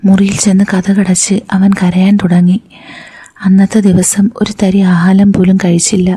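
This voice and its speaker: A woman doing whispered story narration as storyteller, reading softly and steadily. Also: medium pitch, little pitch movement, moderate pace, a little hiss or hum.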